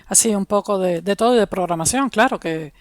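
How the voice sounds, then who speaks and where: A middle-aged woman from Cuba, chatting warmly as an interview guest over a video call. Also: mid-range voice, brisk, dry recording. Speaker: guest expert. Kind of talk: casual interview chat.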